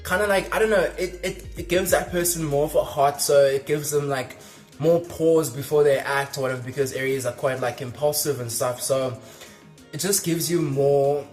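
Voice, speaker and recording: A man's voice: on the high side, normal speed, a little mellow. Rambling young vlogger man over music. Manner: rambling, lots of fillers; talking while eating. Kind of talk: casual mukbang chat.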